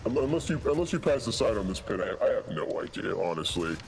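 A man playing a laid-back, foul-mouthed demon, chatting in a rambling, deadpan way. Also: on the low side, quick pace. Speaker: co-host of a gaming let's play. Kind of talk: casual improvised comic chat. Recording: clear game noise behind the voice. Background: video game sound effects and ambience.

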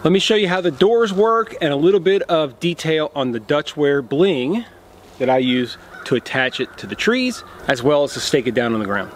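An outdoor gear vlogger in his thirties casually demonstrates his camping setup in a pine forest, relaxed and practical, explaining each piece as he handles it. His voice is a little high at a moderate pace, captured on a camera mic with a faint outdoor hush and a little hiss or hum.

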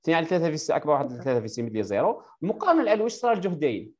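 A man's voice: fairly high pitch, very animated. A man with an Algerian Arabic accent teaches electronics over a video call at a breakneck clip. His voice leaps up and down as he fires one question after another at his student. He confirms each answer before moving on. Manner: quizzes the student with rapid-fire questions and confirms her answers. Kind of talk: live online tutoring lesson.

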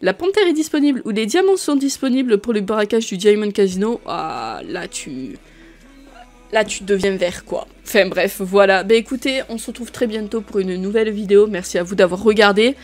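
A woman's voice: mid-range voice, brisk, hardly any pauses, darkish tone, soft background music. A woman presenting a casual gaming news rundown, listing items in a chatty way with frequent fillers. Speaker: gaming video creator.

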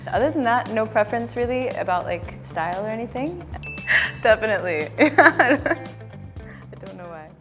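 A woman's voice: on the high side, animated, moderate pace, a bit bright, soft background music. A woman in her twenties from the United States, chatting casually on a dating show and laughing often. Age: 20s. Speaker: blind-date contestant. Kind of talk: casual chat. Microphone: lapel mic.

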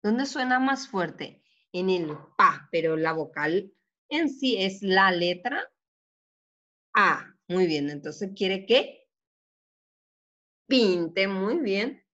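Maestra de clase en línea, muy pausada, audio apagado. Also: female voice, medium pitch, expressive, fairly bright tone. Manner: slow, patient, spells out words. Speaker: teacher. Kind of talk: online class lesson. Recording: muffled lo-fi recording.

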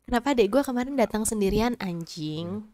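A woman's voice: medium pitch, lively intonation, a little fast, mellow. A woman streaming a game role-play, brash and teasing, swearing often in casual voice chat.

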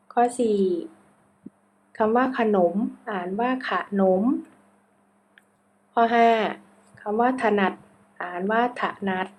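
A woman's voice: mid-range voice, a little hiss or hum. A woman teacher reading out exercise answers item by item, spelling out how each word is pronounced.

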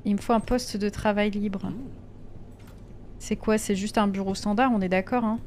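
During a live gameplay stream, a woman chats and responds to viewers' messages, now and then switching into English with a French accent. Her mid-range voice is slightly mellow, with fairly even intonation and a normal pace. There's a bit of background noise.

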